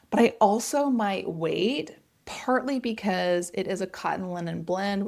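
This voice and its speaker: A woman's voice: medium pitch, vocal fry, darkish tone. A woman with an Oklahoma accent, chatting casually and enthusiastically as the host of a knitting vlog.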